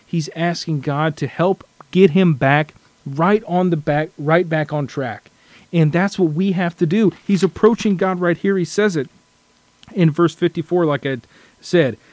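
An earnest man talks through scripture passages in a relaxed study chat, often circling back and restarting his thoughts. His voice sits a bit higher than most men's. The sound is dry and close, with no room around it. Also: no echo. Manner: earnest, reflective, frequent restarts.

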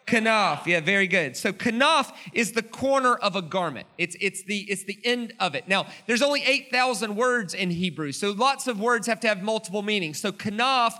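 A man preaching a teaching sermon in an animated way, repeating phrases for emphasis and prompting his listeners. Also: high-pitched, moderate pace, few pauses.

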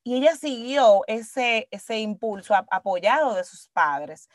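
A Dominican woman shares personal stories during a relaxed interview, her higher-pitched voice slow and lively in intonation, recorded with no room sound. Reflective and emphatic, she speaks Spanish with a Dominican accent, drops in English words, and checks for agreement.

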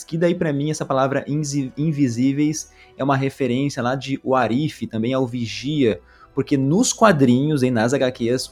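A man's voice: medium pitch, darkish tone. Emphatic man. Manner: opinionated and emphatic. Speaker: podcast co-host. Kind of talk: casual pop-culture podcast chat.

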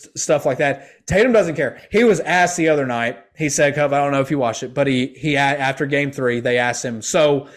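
A young adult man chats casually as podcast host, his voice sitting a little higher than most men's. He rambles, restarts and leans on filler words and slang in easy conversational sports talk.

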